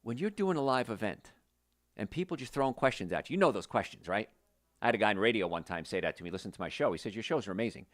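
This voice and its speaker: A man from New Jersey hosting a health podcast, talking to listeners in an animated, conversational way. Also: on the low side, fast. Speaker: health show host. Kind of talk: promotional health podcast talk.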